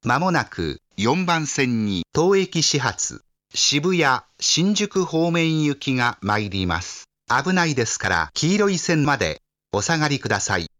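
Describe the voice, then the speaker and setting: A man making scripted railway platform announcements in a formal, measured, clearly enunciated manner. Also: mid-range voice, sing-song, fairly bright tone, dry recording, clean studio sound.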